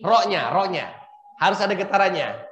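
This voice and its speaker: A man teaching Quran recitation rules to a class of women, patiently prompting them and demonstrating slow, drawn-out recitation. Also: high voice, animated, a bit bright, lo-fi sound, slight background noise. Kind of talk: tajwid lesson for women. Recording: echoey room.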